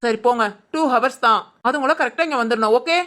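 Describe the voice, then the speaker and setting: A man's voice: very high-pitched, fairly quick, sharp tone. A man playing a stern but kindly office boss in a village web drama.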